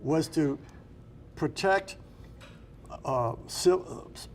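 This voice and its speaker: A man's voice: fairly high pitch, slow, darkish tone, a little hiss or hum. A man giving unscripted live election analysis in a conversational way, correcting himself as he works through his thoughts. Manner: conversational, hesitant phrasing with self-corrections.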